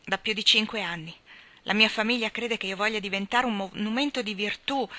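A woman's voice: medium pitch, pushed and bright, lightly acted. Woman voicing a tormented, impassioned woman doctor. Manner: impassioned, defiant outbursts. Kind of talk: dramatic audiobook reading.

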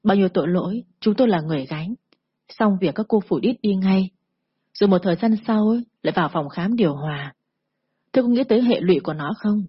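A woman's voice: mid-range voice, lively intonation, fast, slightly rough, no echo, lo-fi sound. A woman voicing a blunt, scornful middle-aged female doctor who lectures harshly. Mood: scolding.

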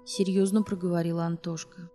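A woman reading a novel aloud as an audiobook, expressive and acting out the dialogue. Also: lowish voice, brisk, faint music behind. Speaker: audiobook narrator.

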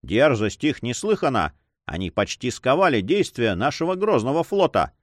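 A man's voice: mid-range voice, big pitch swings, normal speed, dry recording, clean studio sound. A man voicing a stern, contemptuous Spanish landowner in an audiobook.

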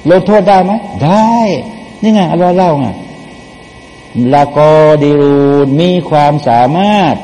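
A high-pitched, mellow male voice belongs to a Quran teacher giving commentary like a sermon, asking listeners questions and answering them on his own. He alternates plain explanations with chanted Arabic verses, and the recording carries a long hall reverb plus faint background noise.

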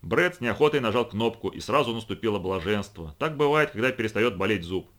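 A man reading a novel aloud in an expressive, lively way. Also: on the low side, fairly quick. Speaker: audiobook reader. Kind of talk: scripted narration.

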